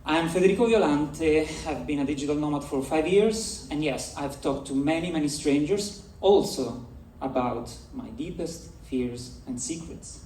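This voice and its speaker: An Italian man gives a storytelling keynote, drawing the audience in with direct questions. His voice is mellow and sits a touch high for a man. The sound is roomy and distant, like a big stage heard from afar. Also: moderate pace, hardly any pauses, a little hiss or hum. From Italy. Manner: engaging, addresses the audience directly. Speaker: conference speaker. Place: large festival stage. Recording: echoey hall, voice from far off.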